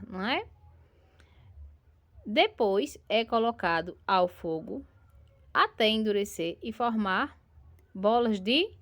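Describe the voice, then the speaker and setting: A woman teacher with a Brazilian Portuguese accent giving a recorded lesson to young pupils, patiently stretching out syllables and checking in with frequent tag questions. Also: mid-range voice. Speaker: primary school teacher.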